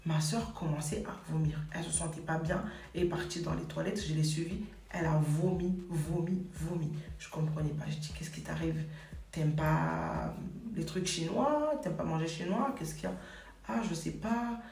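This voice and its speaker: A woman's voice: low voice, creaky, mellow, far from the mic. Chatty woman telling a story in an echoey room. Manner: chatty, many fillers and "et tout". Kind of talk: casual personal storytelling.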